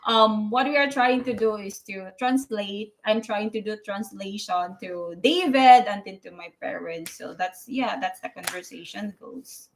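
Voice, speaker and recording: A woman from the Philippines co-hosting a casual vlog in simple English, slow and giggly. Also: mid-range voice. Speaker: vlog co-host. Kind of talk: casual chat.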